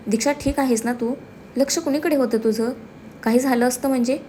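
A woman's voice: high voice, fairly even intonation, fairly quick, warm tone, a little hiss or hum, close to an everyday voice. A woman doing a brusque young husband. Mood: firm. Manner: blunt, commanding.

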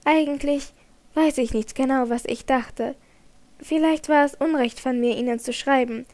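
A woman's voice: sits high, steady tone, normal speed, darkish tone, natural voice. A woman voicing a troubled young female opera singer in an audiobook, tense and evasive. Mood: confused gentle. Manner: tense, trembling, icy at times. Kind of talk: audiobook character reading.

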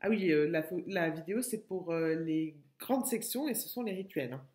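A woman teaching young children in a recorded lesson, drawing out syllables slowly and clearly. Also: lowish voice, animated, darkish tone, roomy sound. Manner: slow, drawn-out syllables for children. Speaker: kindergarten teacher.

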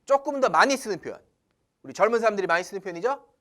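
Male English teacher, casual lesson delivery, very lively pitch, asks and answers his own questions. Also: rapid-fire. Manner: animated, asks rhetorical questions then answers; switches into English phrases.

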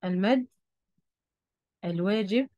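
She speaks slowly at medium pitch, her tone dark, with no echo and the highs cut off. This woman, who has an Egyptian Arabic accent, is patiently teaching a Quran recitation rule at a board, repeating what matters and confirming her students understand.

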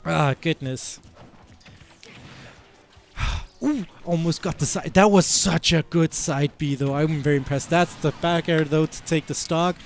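A man's voice: fairly high pitch, unhurried, gravelly, long pauses, faint music behind. A man giving casual, rambling commentary on a fighting game match through a headset, laughing often. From Iceland. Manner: giggly, rambling, playful. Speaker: esports commentator.

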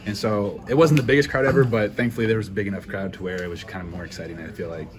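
A man's voice: on the low side, steady tone, a crowd in the background. A young man, a college football punter, answering reporters after a game, upbeat and grateful, recorded on handheld phones in a busy interview area. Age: young adult. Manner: upbeat, grateful, talks quickly. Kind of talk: postgame press interview. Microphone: handheld recorders and phones held close.

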